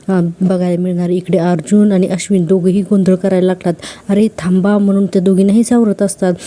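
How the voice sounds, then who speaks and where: A woman's voice: medium pitch, warm tone. A woman with a Marathi accent casually narrating a TV serial recap, retelling scenes and quoting each character in her own voice.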